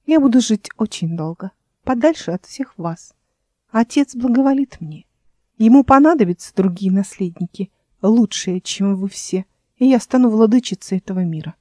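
A woman's voice: mid-range voice, lively intonation, normal speed, warm tone, no room sound, clean studio sound, lightly acted. Woman voicing Fyula, a scornful scheming sister. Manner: scornful, mocking. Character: scheming haughty immortal sister, young woman.

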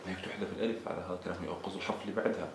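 A man's voice: sits low, fairly even intonation, rapid-fire. A male student asking the teacher short questions about a grammar rule during class. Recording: echoey room, far from the mic.

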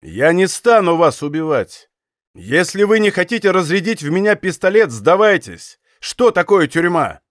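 A man voicing a furious, desperate musketeer captain who shouts commands and oaths in an audiobook. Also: high-pitched, slow, few pauses, no echo, clean studio sound. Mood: shouting. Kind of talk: audiobook character acting.

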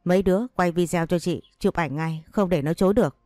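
Picture a woman reading out a betrayed wife in a storybook, sharp-tongued and vengeful, hurling threats at her rival. The voice sits low and dark, with a dry close sound and no room around it. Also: brisk, no room sound, lightly acted. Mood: furious. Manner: scolding, cursing, threatening.

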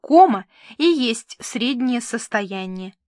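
Woman reader doing a whiny, theatrical friend, high voice, dry close sound. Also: animated, slow, warm tone, dry recording. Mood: eager. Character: excitable scatterbrained woman friend.

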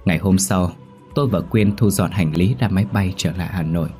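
Deep dark-voiced male horror narrator. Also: faint music behind. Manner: steady, measured storytelling.

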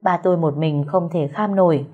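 A woman narrating a family story in a calm, measured, sorrowful way. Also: on the low side, husky, narrow, tinny audio.

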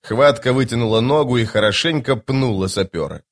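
A man's voice: medium pitch, fairly quick. A man reading an epic fantasy audiobook in scripted narration.

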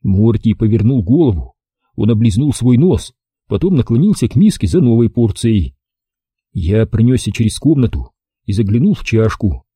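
A man narrating an audiobook with lively, expressive storytelling. His voice is deep-toned and mellow with a husky grain, and his pitch moves a lot. The recording is close and dry. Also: moderate pace, no echo.

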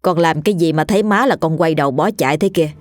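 A woman's voice: low-pitched, quick pace, dry recording, natural voice. A woman voicing a stern, proud wealthy mother who speaks harshly and with scorn. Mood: scolding.

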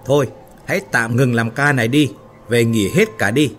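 A man voicing a hot-tempered, bullying male foreman who barks gruffly, in a spoken ghost story. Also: mid-range voice, expressive, fairly quick, fairly bright tone, slight background noise, lightly acted. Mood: commanding. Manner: gruff and barking.

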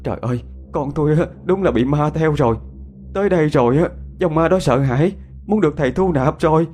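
A man's voice: fairly high pitch, a little fast, darkish tone, faint music behind, voice pushed up, natural voice. A man voicing a distraught middle-aged mother who talks through tears. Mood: tearful. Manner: tearful, wailing.

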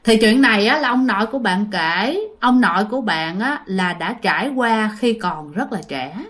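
A woman's voice: mid-range voice, lively intonation, normal speed, a bit bright. A woman narrating listener ghost stories in a chatty, casual way, talking straight to her audience. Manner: chatty, many fillers, addresses listeners directly. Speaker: ghost story channel narrator. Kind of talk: casual spoken storytelling.

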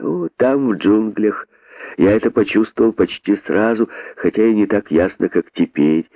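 A man's voice: mid-range voice, dry recording, pitched above the performer's own voice. An actor reading an audiobook, voicing a bitter, cynical male rabbit who speaks in a sneering, jittery way, on tinny phone-like audio.

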